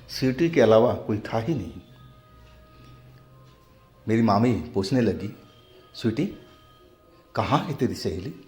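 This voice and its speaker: A man narrating a true-story horror tale in a slow, measured retelling. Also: mid-range voice, a little mellow. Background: faint background music.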